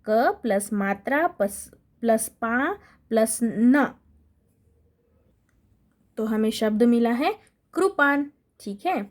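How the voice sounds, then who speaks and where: A young woman with an Indian accent, teaching a slow recorded Hindi lesson to young children with patient drawn-out syllable drills. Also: a little high, lively intonation. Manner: patient, drawn-out syllable drills, frequent "ठीक है?" check-ins. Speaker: primary school Hindi teacher.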